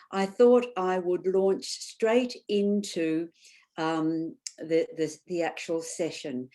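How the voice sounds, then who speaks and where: A woman facilitator presenting an online workshop in a conversational way, pausing often with ums and restarting phrases. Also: on the low side, mellow. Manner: thoughtful, frequent ums and restarts. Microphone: video call.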